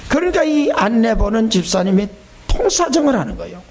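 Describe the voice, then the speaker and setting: A male pastor preaching at a revival meeting, telling a story in an animated way. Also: very high-pitched, fairly quick, a little hiss or hum.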